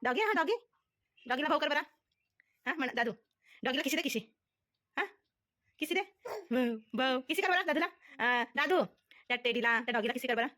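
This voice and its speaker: A woman baby-talks to a toddler in a coaxing, sing-song way, repeating each phrase over and over. Her voice sits very high and has a bright, ringing edge. She sounds like a vlogging mother at home. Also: animated, brisk, long pauses.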